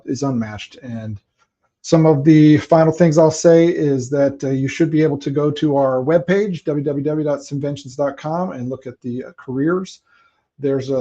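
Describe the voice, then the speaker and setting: Man, company representative, informal webinar talk, dark mellow voice, halting delivery, dull lo-fi audio. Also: medium pitch. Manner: halting, searching for words. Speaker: company representative at a recruiting event.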